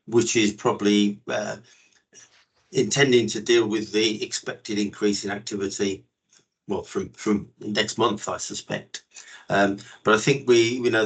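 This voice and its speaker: A man giving a formal meeting update on a video call in a halting way, often repeating words. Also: fairly low pitch, fairly bright tone, low-quality recording. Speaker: non-executive director giving an update.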